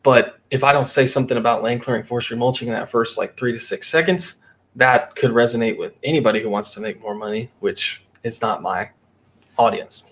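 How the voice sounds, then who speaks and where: A man talking casually as a guest on a podcast, lively and acting out what customers would say. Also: medium pitch, a little fast. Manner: animated, acts out quoted customers. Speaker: marketing agency guest.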